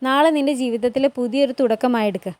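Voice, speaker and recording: A woman's voice: high voice, quick pace, a little mellow, dry recording, lightly acted. A woman voicing a strict older woman who oversees palace servants and talks in a commanding way.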